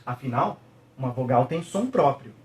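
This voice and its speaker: A man teaching a video lesson, patiently checking in with the viewer and slowly sounding out each syllable. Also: mid-range voice, animated, a little mellow, slight background noise.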